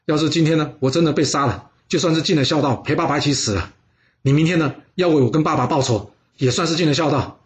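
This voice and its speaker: A man's voice: fairly high pitch, fast, lightly acted. A man voicing an earnest, resigned elder brother in a storytelling podcast. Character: loyal dutiful elder brother, young man.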